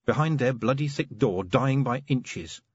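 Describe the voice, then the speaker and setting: A hard, blunt young woman officer who speaks grimly, as a narrator puts her on. The voice is husky and lively, and the recording sounds dull and dry. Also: mid-range voice, a little slow, dry recording. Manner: blunt, bitter.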